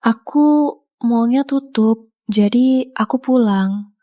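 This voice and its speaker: A woman's voice: a little high, takes it slowly, mellow, echoey room. A woman voicing a pregnant young wife who stammers and dodges questions in a dubbed drama. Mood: nervous. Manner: hesitant, stammering, evasive.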